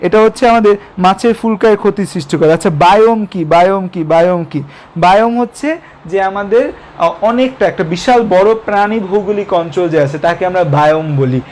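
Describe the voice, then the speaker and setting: A young man teaches a biology lesson online, speaking quickly in a high-sitting, darkish voice. He poses questions and answers them himself, mixing in English terms.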